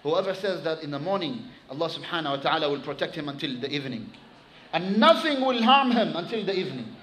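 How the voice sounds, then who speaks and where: A man preaching a sermon to his congregation, telling a story with animated emphasis and quickly reciting Arabic phrases. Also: on the high side, a little hiss or hum, low-quality recording.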